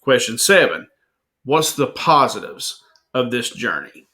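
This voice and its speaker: Bright-voiced man with an Appalachian Southern accent. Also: medium pitch, big pitch swings, a little slow. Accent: Southern US, Appalachian hillbilly. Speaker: host of a comic book interview show. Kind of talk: casual video chat interview.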